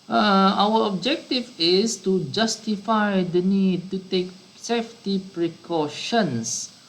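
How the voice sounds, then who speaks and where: A man's voice: high-pitched, slow, a bit bright, low-quality recording. A man teaching a science lesson to children, often repeating and rephrasing his words. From Brunei. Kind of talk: slow online science lesson.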